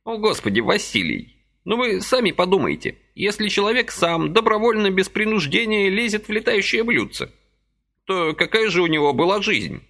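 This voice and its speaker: A man voicing a frail, fussy old man who pleads gently and apologetically in a high, fluttering voice. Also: big pitch swings, normal speed, exaggerated voice.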